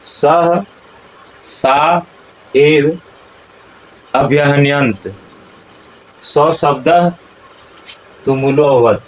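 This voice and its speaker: A man teaching Sanskrit verse pronunciation, breaking words into syllables slowly and deliberately. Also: mid-range voice, a little hiss or hum, poor audio. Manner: slow, deliberate, syllable-by-syllable recitation. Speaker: Gita recitation teacher.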